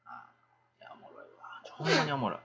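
A middle-aged man with a Kansai accent, chatting on a casual livestream in an animated, rambling, ranting way. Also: fast talker, background noise.

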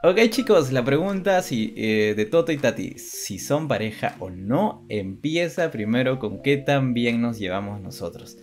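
A young adult man co-hosts a two-person channel, chatting casually and unscripted over background music. His medium-pitched voice is expressive, a little slow, and has few pauses.

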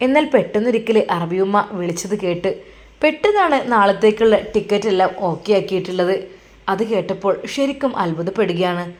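A woman tells an Islamic family story. Her storytelling is earnest and emotive, and she leans into the feelings of each scene. Her voice sits at an ordinary middle pitch. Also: lively intonation, fairly quick, a little mellow.

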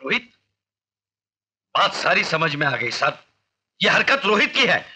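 An actor playing a blustering, vain middle-aged male college teacher in a 1990s film comedy, loud and comically indignant. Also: a little high, sing-song, unhurried, breathy edge, heavily acted. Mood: flustered.

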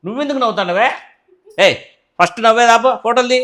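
Young guy in a comedy skit, high voice, gruff and snappy, scolding everyone. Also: quick pace, a bit bright. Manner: gruff, scolding, short-tempered. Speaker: comedy sketch actor playing a short husband.

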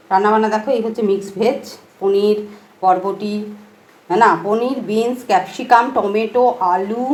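A middle-aged woman chatting casually and softly through a home vlog, talking while she goes about her day with a cold. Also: medium pitch, slight background noise. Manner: chatty, homely, speaks softly. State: has a cold. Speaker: vlogger. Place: at home indoors.

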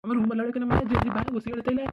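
Woman doing a rapid-talking young village husband. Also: fairly high pitch, level tone, lo-fi sound, background noise, natural voice. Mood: worried. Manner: rapid, teasing banter. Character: young village husband, joking then fretful. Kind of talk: cartoon voice acting.

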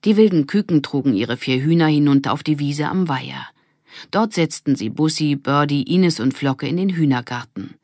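An audiobook narrator giving a lively, expressive reading of a children's story. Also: mid-range voice, normal speed, no room sound, clean studio sound.

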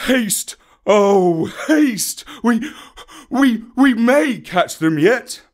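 A man's voice: sits high, a little slow, a bit bright, voice pushed up. A man doing a wailing grief-stricken old bear. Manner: wailing, panting, melodramatic. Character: old male bear teacher, wailing in despair.

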